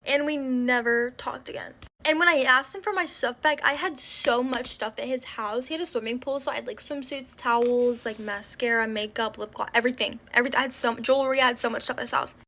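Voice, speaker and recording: A woman's voice: on the high side, brisk, few pauses, a little hiss or hum. A young woman telling a personal story in a casual storytime vlog, chatty and full of "like," acting out the lines of the people in it. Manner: chatty, filler-heavy with frequent "like"; animated retelling with quoted dialogue.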